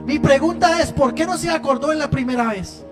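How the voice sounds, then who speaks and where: A man preaching a sermon, impassioned, moving between loud emphasis and hushed lines. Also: very high-pitched, brisk, over music. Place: church service.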